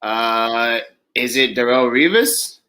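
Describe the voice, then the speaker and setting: A man's voice: mid-range voice, slow pace, bright, forceful tone, smooth. A man hosting a live stream in casual chat, teasing his co-host in playful banter. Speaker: host of the channel.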